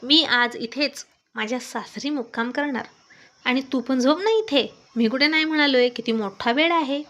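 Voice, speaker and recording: A woman's voice: sits high, moderate pace, a bit bright, rough recording. Woman voicing a teasing young husband. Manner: teasing, mocking. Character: teasing male professor husband, cocky and playful.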